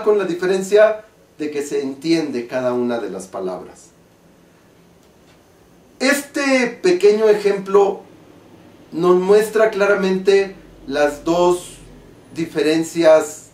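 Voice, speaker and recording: A man with a Mexican accent, an acting teacher explaining stage diction slowly and deliberately. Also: a little high. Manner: slow, deliberate, carefully articulated explanation. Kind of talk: spoken lesson on stage diction. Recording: roomy, from a distance.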